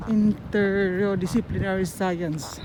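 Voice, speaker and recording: A woman speaks casually at a middling pitch. She is curious, offering brief questions and remarks as she walks along. The recording is outdoors, with clear background noise. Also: steady tone, slow pace. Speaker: companion on a walking tour. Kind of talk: casual chat, asking questions. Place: outdoors, walking around a campus. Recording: noisy outdoor recording while walking.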